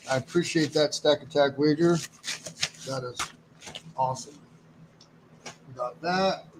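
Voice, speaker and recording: A medium-pitched man hosts a live stream auctioning silver, with noise in the background. He rambles in a relaxed way, greeting viewers as he goes over each item.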